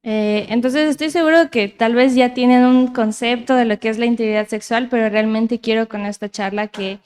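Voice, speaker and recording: A woman's voice: a little high, steady tone, normal speed, a little mellow, smooth. A woman working as a live interpreter, relaying a talk a passage at a time.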